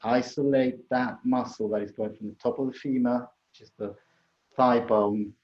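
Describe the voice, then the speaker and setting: A man's voice: mid-range voice, fairly even intonation, moderate pace. Echoey, muffled man leading a yoga class. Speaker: yoga instructor. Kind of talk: guided yoga class instruction. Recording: echoey room, dull muffled sound.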